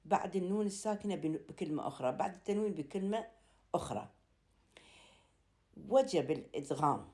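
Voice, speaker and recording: A woman with an Iraqi accent teaching a Quran recitation lesson, explaining slowly and deliberately and chanting verses. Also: low-pitched, a little mellow. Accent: Iraqi Arabic. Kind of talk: recorded tajweed lesson.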